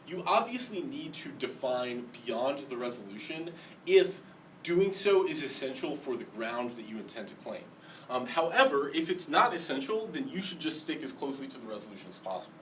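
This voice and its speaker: A man with a slight lisp gives an explanatory classroom lecture, often pausing with ums and restarting sentences. He sounds set back from the microphone, and a faint background hiss stays under his voice. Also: mid-range voice, very animated, a bit bright. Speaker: debate lecturer. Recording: distant mic, faint background noise.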